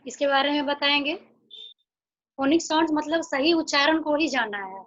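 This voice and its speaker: A woman teacher giving an online phonics lesson, slowly saying each letter sound and repeating it. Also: high voice, fairly bright tone, lo-fi sound. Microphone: video call.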